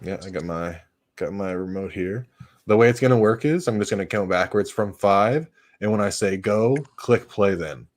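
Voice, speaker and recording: A man's voice: lowish voice, normal speed. A young man hosting a casual live watch-party stream, chatting and reading out viewer comments. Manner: relaxed, reads out viewer comments.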